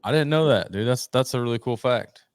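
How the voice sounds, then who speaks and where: A man co-hosting a casual podcast interview, easygoing, mostly giving short replies and quick questions. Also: medium pitch. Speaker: podcast co-host.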